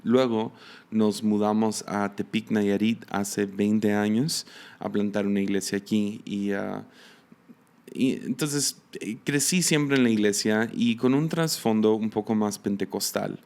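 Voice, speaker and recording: This podcast host, also a missionary, is a man in his thirties who speaks with a Mexican Spanish accent. His lowish, darkish voice is creaky and moves at a measured pace. Running the show alone, he sounds casual and unsure, often using fillers and starting over.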